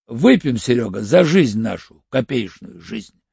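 A tough male ex-convict, read by a man speaks in short, blunt phrases with a gravelly, husky edge. The audiobook sound is dull and dry, with a lively rise and fall to the lines. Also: mid-range voice, unhurried, no room sound, full character voice. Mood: hard, curt. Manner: blunt, clipped, threatening. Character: tough hardened male ex-convict, curt and cool.

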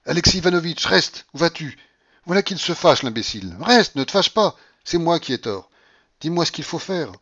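A man's voice: very animated, moderate pace, a bit bright, no room sound, heavily acted. A man reading an audiobook voices an impatient old grandmother who gambles at roulette. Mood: pleading. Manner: commanding, impatient, shrill outbursts. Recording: muffled lo-fi recording.

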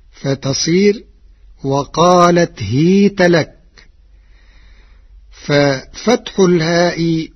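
Man from Egypt, slightly high husky voice, unhurried and exact, explaining readings on a dull old radio recording. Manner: slow, measured, precise explanation. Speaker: Quran readings teacher. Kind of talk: radio lesson on Quran readings.

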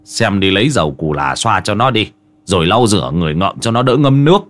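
A man voicing a gruff, irritable old uncle who scolds bluntly. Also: medium pitch, big pitch swings, normal speed, a bit bright.

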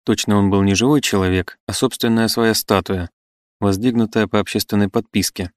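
Low-voiced man narrating a classic novel. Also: no echo. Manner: measured, even narration. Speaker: audiobook narrator. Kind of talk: literary audiobook reading.

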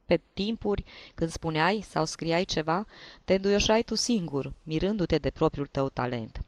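A man's voice: fairly high pitch, no echo, lightly acted. A man voicing a tipsy old male journalist with a reedy tenor voice, giving rambling, sentimental toasts. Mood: nostalgic.

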